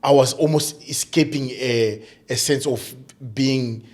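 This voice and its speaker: A man's voice: medium pitch, darkish tone. A middle-aged man from Zimbabwe, a guest in an interview, speaking thoughtfully with many restarts and repeated fillers. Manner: thoughtful, halting, many restarts and "you know". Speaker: guest, diversity and inclusion coach. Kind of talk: conversational interview.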